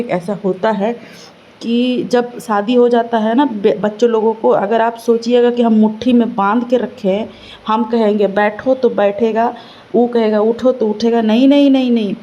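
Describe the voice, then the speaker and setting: Indignant chatty woman vlogger, mellow voice. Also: on the high side, lo-fi sound. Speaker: reaction vlogger. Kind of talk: casual reaction commentary to camera.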